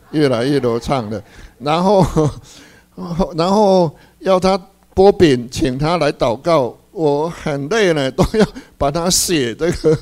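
A man's voice: a little high, darkish tone. A middle-aged man giving a church talk, mixing teaching with a laughing personal story and repeating his words. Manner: laughs often while telling stories, repeats words. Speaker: church speaker sharing with brothers. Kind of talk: sermon with personal anecdote.

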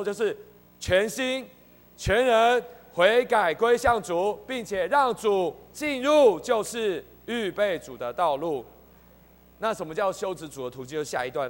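High-pitched guy leading a church bible study, keeps repeating stuff, echoey hall. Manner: earnest, repeats key points, calls the group to read along.

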